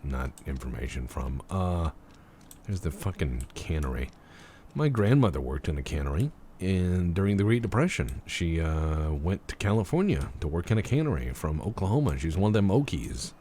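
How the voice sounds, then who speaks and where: A man gives casual, joking game commentary in a lowish voice with lively swings in pitch. He is crude and sweary, with faint noise behind him. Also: normal speed. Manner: jokey, crude, sweary, plays around with silly voices. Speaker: gaming video host.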